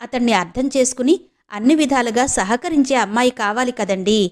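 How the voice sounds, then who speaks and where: Brief: witty young wife in an audio novel, read by a woman, polite with a teasing edge, slightly high. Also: a little fast, lightly acted. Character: young married woman, sharp-witted and teasing.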